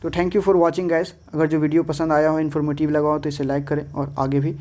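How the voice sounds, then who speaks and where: Woman, teacher, low voice, warm tone, slow rule reading, lesson explainer. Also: flat delivery. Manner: slow deliberate reading of rules, then lists examples; switches between Hindi and English. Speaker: English teacher. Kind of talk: explaining lesson over slides.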